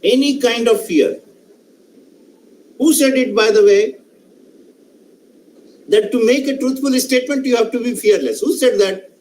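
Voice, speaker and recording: A man's voice: very high-pitched, moderate pace, pauses often, darkish tone, slight background noise, low-quality recording. A male professor with an Indian English accent, giving an online lecture and putting questions to participants, speaking emphatically and often repeating and restarting phrases. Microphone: online session microphone.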